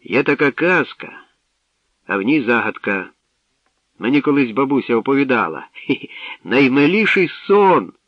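A man's voice: mid-range voice, very animated, normal speed, pauses often, dry recording, recorded from a distance, dull audio, pitched above the performer's own voice. A man voicing a fat, smug, boastful voivode with a pompous, chuckling manner.

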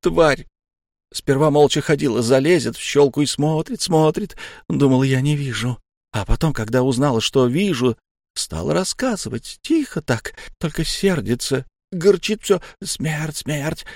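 A man's voice: mid-range voice, moderate pace, darkish tone, no echo, clean studio sound, close to an everyday voice. A man voicing an anxious male psychiatric patient who mumbles and swallows syllables, in a storybook reading. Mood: agitated frightened.

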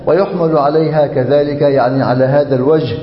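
Male sheikh, high pitch, drills grammar examples and chants verses; long reverb in a big hall. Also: steady tone. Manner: slow, drawn-out chanting of Quran verses and example forms; repeats examples to drill the class, checks in with the students. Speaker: sheikh teaching Arabic grammar. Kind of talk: religious grammar lesson. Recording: dull, echoey lecture hall audio.

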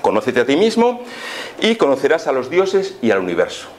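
This spiritism lecturer, a man from Spain with a Spanish accent, talks briskly in a mid-range voice full of huge pitch swings. The explanation is informal and didactic, dotted with rhetorical questions and check-in tags, over a slight hiss or hum.

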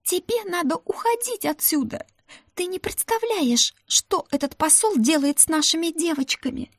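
A woman voicing a young, timid and anxious maid girl, speaking in a high, soft, fretful voice. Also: lively intonation, a little slow, dry recording, studio quality. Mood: panicked.

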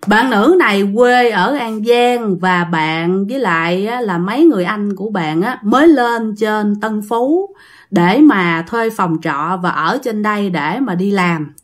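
A woman's voice: mid-range voice, a little slow. Chatty woman storyteller. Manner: chatty, addresses listeners directly. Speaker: storyteller and channel host. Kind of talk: casual ghost-story narration.

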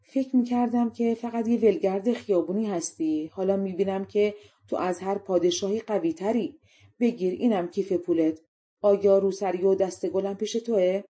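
A woman voicing a proud young princess who flatters and schemes, in a storybook reading. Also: on the low side, breathy edge. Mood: wheedling. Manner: haughty, then coaxing and sweet.

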